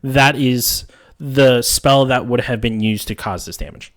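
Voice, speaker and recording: A man's voice: mid-range voice, measured pace. A man narrating as game master, describing scenes in a loose, meandering way.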